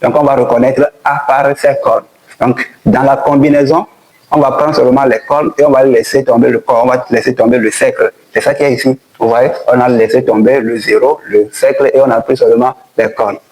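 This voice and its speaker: A man teaching a spoken language lesson, patiently repeating each point and sounding out letters slowly. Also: mid-range voice, fairly even intonation, darkish tone, low-quality recording.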